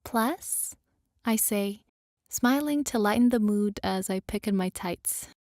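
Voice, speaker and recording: Unhurried female story narrator, dry recording. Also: mid-range voice, darkish tone, no room sound. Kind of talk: first-person scripted story narration with character voices.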